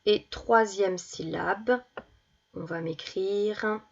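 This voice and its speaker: A woman teaching young children, reading words slowly and clearly and stressing each one as she goes through worksheet exercises. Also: mid-range voice, highs cut off. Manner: slow, deliberate, stresses each word. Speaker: primary school teacher.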